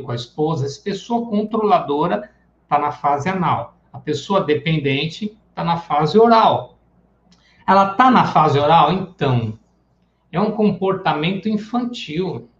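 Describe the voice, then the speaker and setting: A man with a fairly high voice teaches a live online class in a loose, chatty way and acts out little everyday scenes as he goes. The sound is roomy and echoey. The audio is dull and lo-fi. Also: lively intonation, unhurried. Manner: casual and chatty, acting out everyday examples. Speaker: psychoanalysis teacher.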